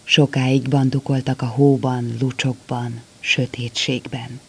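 A man reading a story aloud as narrator in a measured, calm way. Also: mid-range voice, vocal fry, slightly rough.

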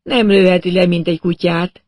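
A wounded man, as an audiobook reader voices him pleads in a strained, urgent voice that pushes louder than the narration. The recording is dry and close. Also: sits high, steady tone, no room sound, voice pushed up, natural voice. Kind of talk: audiobook reading.

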